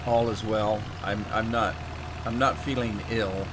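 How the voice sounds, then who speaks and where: Speaking a little slowly, in a fairly low voice with fairly even intonation, this man chats casually while playing a farming game on a live stream. His talk is rambling and homespun, full of false starts and restarts, and his voice is slightly worn, like it's going. Faint noise lies beneath the desk-mic audio.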